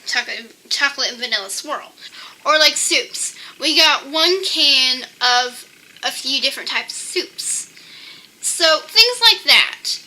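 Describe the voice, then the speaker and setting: A woman's voice: high-pitched, bright, forceful tone, rough recording. A young adult woman giving tips in a casual, chatty monologue, peppering her sentences with "like". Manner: chatty, with frequent "like". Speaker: vlogger sharing personal tips.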